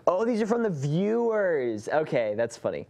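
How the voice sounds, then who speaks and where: A woman's voice: low voice, very animated, normal speed, creaky, warm tone. A woman hosting a casual party game, playful and laughing as she keeps things moving. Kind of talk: casual game-show chat.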